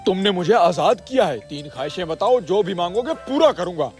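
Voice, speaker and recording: A man playing a high-voiced sing-song genie. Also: lively intonation, fairly quick, darkish tone, faint music behind. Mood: grand. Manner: laughing, sing-song grand pronouncements. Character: playful blue genie granting three wishes. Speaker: genie character in comedy sketch. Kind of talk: comedy sketch acting.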